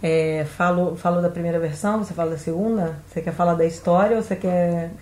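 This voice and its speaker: A woman's voice: on the low side, steady tone, quick pace, a little mellow, roomy sound. A Brazilian woman co-hosting a casual podcast, chatting and thinking aloud with frequent restarts. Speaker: podcast co-host.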